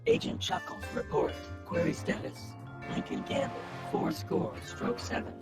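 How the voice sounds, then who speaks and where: A man's voice: normal speed, over loud music. A man voicing a malfunctioning male robot agent in a video game, giving clipped mechanical status reports through a glitching robot filter.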